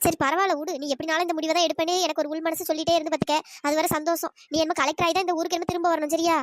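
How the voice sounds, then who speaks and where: A woman voicing a chatty, loyal young village woman in a cartoon, talking in fast coaxing, pleading bursts. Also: extremely high pitch, flat delivery, no room sound. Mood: reassuring. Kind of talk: cartoon voice acting.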